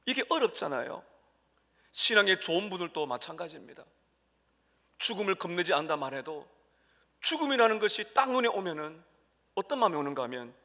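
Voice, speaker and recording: Impassioned pastor, bright high voice. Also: male voice. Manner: impassioned preaching with sudden loud cries and hushed drops. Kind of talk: sermon. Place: large church sanctuary. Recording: long church hall reverb.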